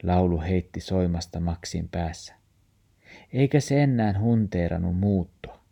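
A man reading a children's story aloud in a calm, even manner. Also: low voice, gravelly. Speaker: narrator.

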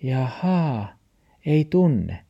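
A man's voice: very animated, creaky, breathy edge, dull audio, full character voice. A man doing a yappy little dachshund. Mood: doubtful. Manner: high, shrill yapping. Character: excitable, yappy female dachshund.

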